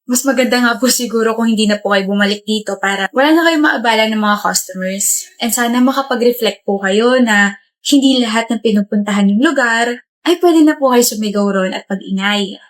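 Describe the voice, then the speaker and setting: Woman playing a composed café owner, polite, even and firm, comedy skit. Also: fairly high pitch, a little fast, close to an everyday voice.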